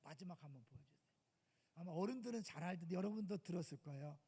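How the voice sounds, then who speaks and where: A male pastor preaching in a church sanctuary, his high voice mellow and gravelly. He swings from loud emphatic outbursts down to hushed asides, and long reverb trails each phrase. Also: animated, quick pace. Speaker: senior pastor. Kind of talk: sermon.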